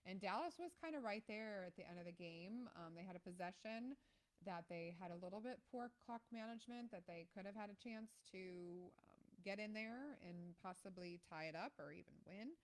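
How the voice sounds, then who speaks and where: Ohio woman streaming a game, chatty, lots of ums, gets loud when a play happens. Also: medium pitch, moderate pace. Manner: chatty, lots of ums, excited outbursts at plays. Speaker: live stream host. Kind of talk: casual live game commentary.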